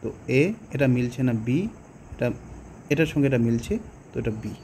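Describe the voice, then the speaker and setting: A man with a Bengali accent explaining a poem to students, slowly and patiently, with pauses and rhetorical questions. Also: medium pitch, dark tone, a little hiss or hum. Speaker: teacher. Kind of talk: poetry lesson explanation.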